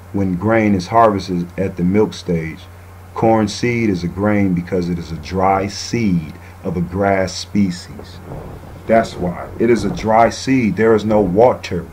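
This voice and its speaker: A man's voice: low-pitched, darkish tone, a little hiss or hum, rough recording. A man hosting an online radio show, reading passages aloud and then commenting loosely, often ending lines with "man.". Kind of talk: casual talk-radio commentary.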